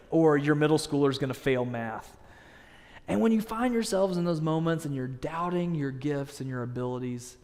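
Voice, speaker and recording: Joking guest preacher in a reverberant church. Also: male voice, a little high. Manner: conversational and joking. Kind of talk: sermon. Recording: long reverb in a church sanctuary.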